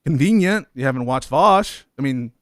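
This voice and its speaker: A man's voice: medium pitch, expressive, normal speed, clear, resonant tone, no echo, clean studio sound. A man hosting a heated debate, arguing and cutting in with repeated requests to wait. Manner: interrupts with repeated "wait", argumentative. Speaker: debate host.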